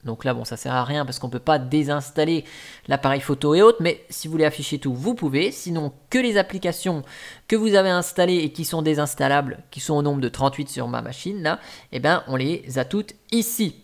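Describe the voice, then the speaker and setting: A man's voice: on the high side, fairly quick. Chatty man walking through a phone app. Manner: chatty, many fillers and restarts. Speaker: tech tutorial host. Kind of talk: casual screen-recording walkthrough.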